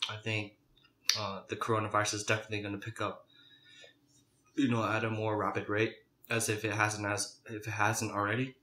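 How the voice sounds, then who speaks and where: A man with a fairly low, bright and forward voice chats casually as he eats, chewing between and during phrases. He sounds like a mukbang host, recorded in a roomy, echoey space. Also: monotone, fairly quick. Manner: chewing and eating while talking. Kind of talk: casual chat while eating.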